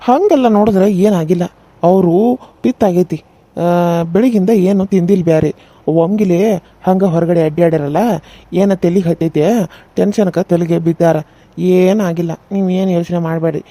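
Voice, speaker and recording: A performer voicing a reassuring small-town male doctor with a North Karnataka Kannada accent, who speaks in a calm, matter-of-fact way. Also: mid-range voice, moderate pace, dry recording, natural voice.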